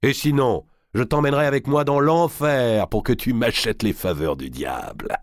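A man reading aloud, voicing a huge, boisterous nobleman given to booming outbursts. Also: lively intonation, moderate pace, no room sound, studio quality, lightly acted. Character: huge, boisterous exiled nobleman, big and bold.

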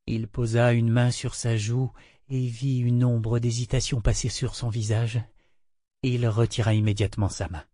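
Give me a man reading a novel aloud in a steady, measured way, with a warm low timbre. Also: no room sound, clean studio sound. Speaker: narrator. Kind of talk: audiobook narration.

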